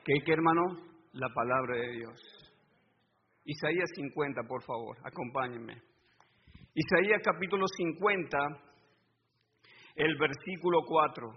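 A male preacher giving a sermon, asking his congregation call-and-response questions and swelling to loud emphatic stretches. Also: a little high, unhurried, pauses often. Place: church hall. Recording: reverberant hall, dull lo-fi sound, faint noise.

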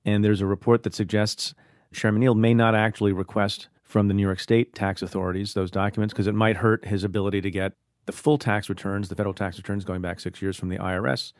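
A middle-aged man from India hosting a podcast, explaining news in a measured way and interviewing a guest. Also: on the low side, fairly even intonation, no echo, studio quality. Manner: measured, explanatory, reads ad copy. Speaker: podcast host.

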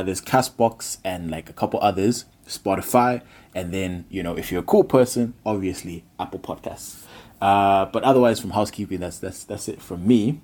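A man's voice: sits low, darkish tone. A man hosting a podcast in casual, slangy banter, often repeating words and phrases for emphasis. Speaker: podcast host.

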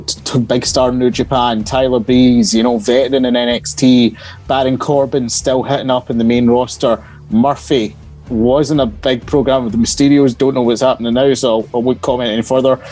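A man hosts a casual sports panel podcast in a mid-pitched voice. He speaks conversationally, as if to friends, with music playing underneath. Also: a little mellow. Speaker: podcast host. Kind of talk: casual wrestling panel discussion.

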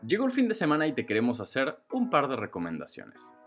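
A man's voice: mid-range voice, wildly swooping pitch, fast talker, soft background music. A man with a Mexican accent reads scripted news as a podcast host, with casual slang and emphatic phrase openings.

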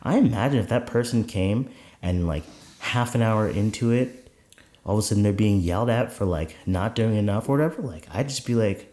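A man's voice: fairly low pitch, brisk, mellow. A man chatting casually as a podcast co-host, rambling through anecdotes with some swearing. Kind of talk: casual conversation. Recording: roomy, echoing sound.

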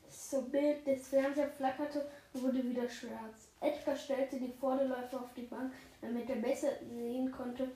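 High-voiced woman reading a children's book. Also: flat delivery, normal speed, few pauses, dark tone, reverberant, slight background noise, rough recording. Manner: unscripted slips and restarts. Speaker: reader.

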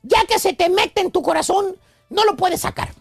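A man voicing an excitable male love professor who lectures in a theatrical, slangy radio comedy monologue. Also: extremely high pitch, normal speed, gravelly, soft background music. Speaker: radio comedy host character.

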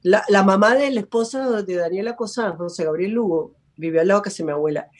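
Woman, husky voice, chatty storyteller, video call. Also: mid-range voice, fast. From Venezuela. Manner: chatty, tells stories, acts out her own quotes. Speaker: actress and guest. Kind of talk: casual interview chat.

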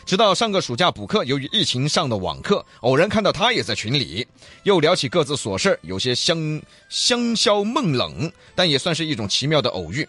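A man's voice: a little high, sing-song, fairly quick, a bit bright, breathy edge, no echo, faint music behind. A male talk show co-host with a Sichuanese accent, joking colloquially and reading out listener stories in a casual way.

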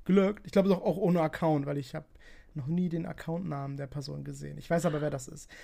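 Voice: medium pitch, fairly even intonation, fast, vocal fry, mellow. A podcast host and streamer in casual chat, rambling with many fillers and laughing often.

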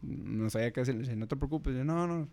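Speaking fast in a medium-pitched, darkish voice, this Mexican-accented man tells a story in casual conversation. He keeps peppering his slangy speech with "güey."

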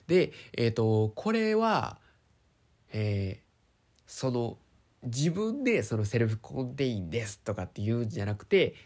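A male podcast host speaks at a middle pitch with a clearly nasal, stuffy-nosed voice. He explains things casually on his own, feeling his way through each point in an informal, slightly hesitant manner. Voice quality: nasal, congested. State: stuffy nose from hay fever. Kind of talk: casual explanatory solo talk.

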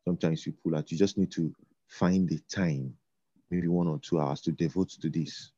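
A man speaks in a very low, mellow voice, stopping and restarting his phrases with lots of ums. The sound is dry and a little dull, like a lo-fi recording. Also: fairly even intonation, no echo. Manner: halting, repeats words, many fillers. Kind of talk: casual conversation.

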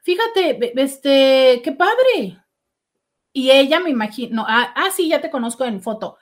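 Woman, middle-aged, lively talk-show host, fairly high pitch. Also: unhurried. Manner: chatty, warm, animated with exclamations. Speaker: radio host reading listener messages. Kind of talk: casual call-in show chat.

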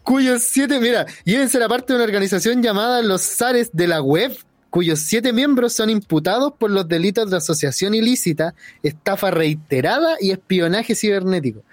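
A woman's voice: medium pitch, lively intonation, moderate pace, few pauses, no echo. A Chilean woman chatting casually in a teasing, jokey way. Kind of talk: casual chat.

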